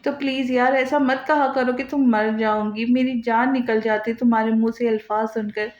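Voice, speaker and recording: A woman's voice: on the high side, fairly even intonation, moderate pace, close to an everyday voice. A cold taunting husband, read by a woman. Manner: taunting, softly menacing. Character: cruel mocking young husband, cold and controlling. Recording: roomy, dull lo-fi recording.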